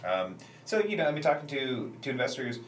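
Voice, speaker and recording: A man's voice: medium pitch, big pitch swings, a little fast. A man speaking as a startup founder on a casual panel, loose and conversational, peppering his talk with filler phrases. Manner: loose, conversational, leans on 'you know' and 'like'. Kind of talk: casual panel interview answers. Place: echoey room, radio show recording. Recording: echoey room, distant mic, slight noise.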